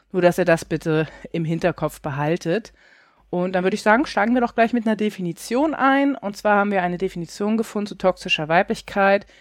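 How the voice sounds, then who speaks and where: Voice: medium pitch, no echo, studio quality. A thirty-seven-year-old podcast co-host from Saxony-Anhalt who speaks carefully and reads out definitions. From Saxony-Anhalt, Germany.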